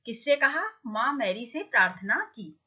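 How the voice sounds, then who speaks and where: A woman's voice: a little high, lively intonation, moderate pace, pushed and bright, husky, highs cut off. A woman teaching a Hindi lesson to young children, patiently asking questions and answering them herself.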